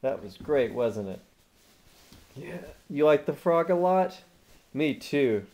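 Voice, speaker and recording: A father watches his child's puppet show and chats casually with the kids, playful and encouraging, prompting them with questions. His voice sits on the high side, with lively intonation, a slow pace and a dark tone. The sound is amateur home video audio.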